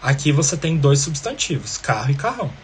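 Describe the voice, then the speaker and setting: A man's voice: on the high side, very animated, a little fast, a little hiss or hum. A man teaching a grammar lesson, explaining step by step and often checking in with the listener.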